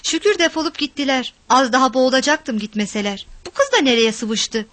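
A woman voicing a fiery village mother who calls out and scolds in a shrill, raised voice. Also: sing-song, brisk, a bit bright, dry recording. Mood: scolding.

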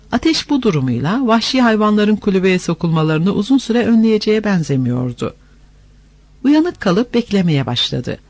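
A man narrating an adventure story aloud in an expressive, animated reading style. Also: high voice, no room sound. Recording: dry, slightly dull lo-fi.

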